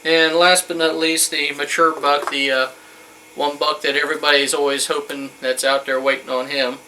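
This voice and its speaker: A man's voice: fairly high pitch, flat delivery, normal speed, pushed and bright, slight background noise, rough recording. A man in his thirties giving an informal how-to talk as a hunting instructor, in a folksy, colloquial, rambling way. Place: wood-panelled room indoors.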